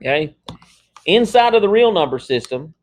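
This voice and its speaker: A man's voice: sits high, big pitch swings, moderate pace. Casual male math teacher. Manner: casual, talks through examples with frequent "okay?" checks. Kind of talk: classroom math lecture.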